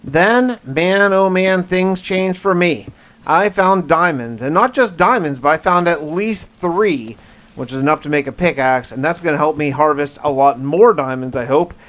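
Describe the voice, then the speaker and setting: A gaming video host narrates his survival gameplay like a casual first-person story, full of dramatic turns and colloquial asides. His voice is a little high and fairly bright, and he talks at a normal speed.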